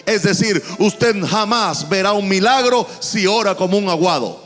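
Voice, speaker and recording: A male pastor with a Venezuelan accent preaching a dramatic, animated sermon in a large church. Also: high-pitched, moderate pace. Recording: long church-hall reverb, faint music.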